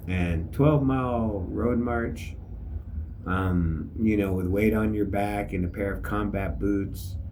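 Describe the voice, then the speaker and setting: A man's voice: lowish voice, slow pace, a little mellow, a little hiss or hum. A middle-aged man, an army veteran, telling a story in a casual, rambling way with many fillers. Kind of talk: casual spoken reflection.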